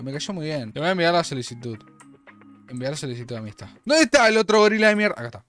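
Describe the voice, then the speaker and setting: A young man with an Argentine accent commentates his own gameplay in a slightly high voice, trailing off into mumbled asides and then suddenly blurting out loud excited outbursts. He swears constantly in a relaxed, joking way. Faint game music plays quietly behind him. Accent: Argentine Spanish. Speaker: gaming YouTuber.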